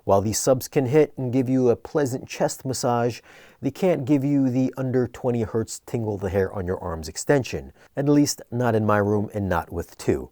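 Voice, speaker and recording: A man narrating an equipment review in a conversational but scripted, measured, explanatory way. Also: mid-range voice, lively intonation, warm tone, dry recording, clean studio sound.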